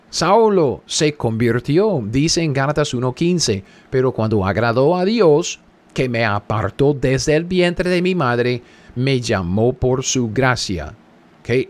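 A man leading a Bible study, reading passages aloud and repeating key words for emphasis, often checking in with his listeners. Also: a little high. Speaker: Bible teacher.

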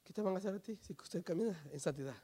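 Male preacher, fairly high voice, fervent sermon that swings from loud to hushed, some English mixed in. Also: quick pace, slightly rough. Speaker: pastor.

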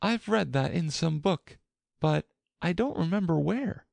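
Prim fretful young girl, high lilting voice, slow and dry, as a man voices her. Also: animated, creaky, darkish tone, dry recording, heavily acted. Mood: polite. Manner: prim, complaining tone. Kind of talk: storybook reading.

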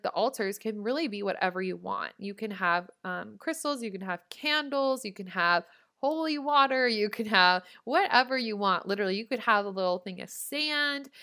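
Young woman podcast host, bright, smooth voice, chatty and full of "like" fillers. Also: mid-range voice. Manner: chatty, frequent "like" fillers, laughs at own slips. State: voice cracking. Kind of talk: casual chat.

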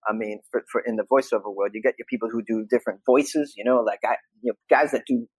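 Podcast guest: man from Boston, voiceover actor, animated and chatty, mid-pitched voice, dry close sound. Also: quick pace, breathy edge, dry recording, low-quality recording. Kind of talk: casual podcast conversation.

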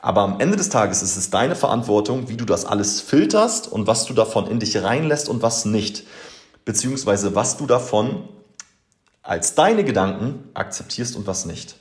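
Earnest German coach, low voice, echoey room. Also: male voice, sing-song, normal speed. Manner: earnest, emphatic, addresses listener directly, mixes in English phrases. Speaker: coach and podcast host. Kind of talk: motivational podcast talk.

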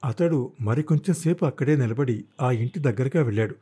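A man narrating a thriller novel as an audiobook in a steady, dramatic storytelling manner. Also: medium pitch, brisk, husky. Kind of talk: scripted narration.

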